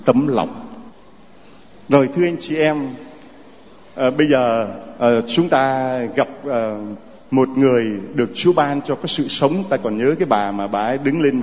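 Preaching priest in a reverberant church. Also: male voice. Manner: lively preaching, lifting his voice high and half-singing on scripture. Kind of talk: sermon to a congregation. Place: large church with long reverb. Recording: dull, reverberant church recording.

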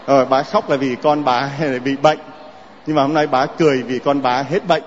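A man, a priest, preaching a sermon to his congregation in an animated way, lifting his voice and half-singing scripture lines. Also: medium pitch, normal speed, slight background noise. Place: large church with long reverb. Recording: dull, reverberant church recording.

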